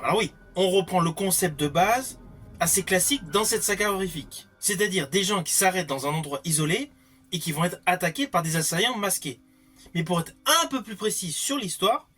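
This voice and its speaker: His voice sits high, bright and forceful as he reads a scripted film review. He explains each point with emphatic phrasing.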